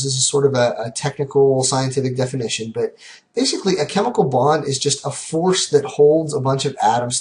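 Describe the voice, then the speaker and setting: A man teaching a recorded chemistry lesson in a relaxed way, counting aloud slowly and often checking in with "okay?". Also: mid-range voice.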